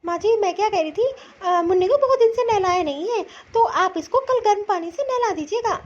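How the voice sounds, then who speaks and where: A woman's voice: very high-pitched, lively intonation, fairly quick. Woman doing a weak, tearful new mother. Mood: self-pitying. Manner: plaintive, self-pitying complaining. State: weak and sore after childbirth. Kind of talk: cartoon story voicing. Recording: slightly dull lo-fi recording.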